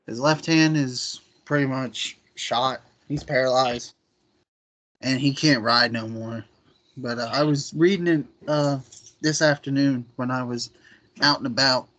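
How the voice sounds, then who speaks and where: Casual podcast dude in his 30s, mid-pitch voice, rambles and loses his thread. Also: steady tone, measured pace, fairly bright tone. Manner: rambling, chatty, trails off mid-sentence. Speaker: podcast co-host. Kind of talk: casual chat.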